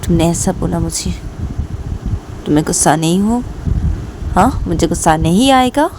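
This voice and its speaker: A woman's voice: on the low side, animated, normal speed, noisy background, natural voice. A woman voicing an angry young female student who reproaches her teacher lover. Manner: reproachful, repeats her complaints.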